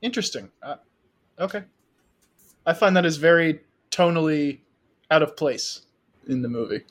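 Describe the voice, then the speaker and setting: A man appearing as a guest on a film podcast, amused and hesitant, full of likes and pauses. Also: a little high, animated. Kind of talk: casual film discussion.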